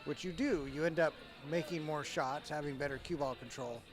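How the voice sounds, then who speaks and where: A man's voice: fairly high pitch, a little fast. A man commentating a pool match in casual live chat, talkative and teasing. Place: busy convention hall by a pool tournament. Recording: live event with crowd noise and music.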